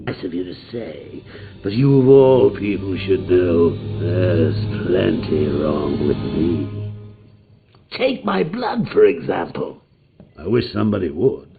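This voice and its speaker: A man's voice: deep voice, big pitch swings, takes it slowly, gravelly, exaggerated voice. An actor playing the Joker, a gleeful, menacing male criminal clown, taunting with theatrical glee and giggles in video game voice lines. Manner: theatrical, taunting, giggling, swinging from purrs to shrieks. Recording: tinny lo-fi game capture with loud music.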